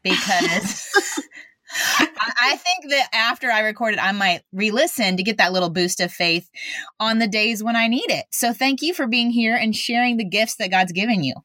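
A woman's voice: fairly high pitch, normal speed, pushed and bright, dry recording. A woman hosting a conversational podcast in an earnest, encouraging way. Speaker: podcast host.

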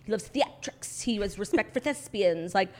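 A woman's voice: mid-range voice, animated, moderate pace. A woman co-hosting a casual chat podcast, talking in a bubbly, effusive sorority-girl way with dramatic exaggeration and lots of "like" and "literally". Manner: dramatic, hyperbolic. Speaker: podcast co-host.

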